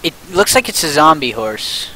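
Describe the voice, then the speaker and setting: An excitable young man livestreams a game with a friend, joking and reading the on-screen prompts aloud. His voice sits high and sounds bright, with a faint hiss behind it. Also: normal speed, creaky, low-quality recording. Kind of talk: casual gaming chat.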